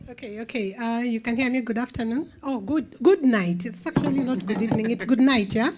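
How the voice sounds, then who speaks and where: Against a noisy background, a woman who co-directs an event reads out raffle numbers to draw winners. Her voice is on the high side and fairly quick, and she's casual and chatty, with hesitant fillers.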